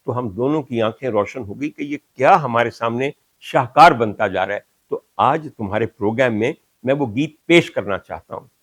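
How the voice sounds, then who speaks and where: With no room sound around him, an older Pakistani host with a medium-pitched voice and a Pakistani Urdu accent muses on a poet during his show. Now and then he slows down to stress Punjabi lines as he recites them.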